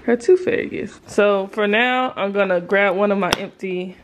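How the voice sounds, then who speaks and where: A woman's voice: mid-range voice, moderate pace. An American woman in her thirties chatting casually as a mom vlogging at home on a camera microphone. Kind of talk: casual home vlog chat. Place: indoors at home, rooms and kitchen. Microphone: handheld or nearby camera microphone.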